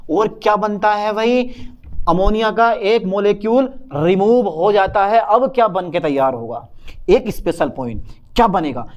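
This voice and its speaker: In a lo-fi recording, a young chemistry teacher with a high voice lectures at a whiteboard at a measured pace. He speaks to his students and answers his own questions in a student's voice.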